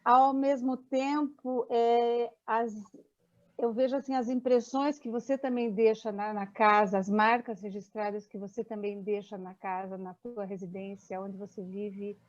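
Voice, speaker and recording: A woman's voice: on the high side, little pitch movement, measured pace. A woman giving a hesitant, reflective comment in a group discussion, often restarting her sentences. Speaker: meeting participant. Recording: muffled lo-fi audio.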